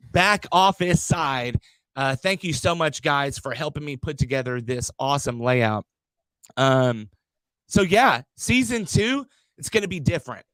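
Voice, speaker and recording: A man's voice: medium pitch, fairly bright tone, clean tone, no echo, poor audio. A man hosting a podcast from a studio, reading out sponsors and introducing a guest in a hyped-up, stumbling way, often repeating his words. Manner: hype-driven, repeats words, stumbles on them. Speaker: podcast host.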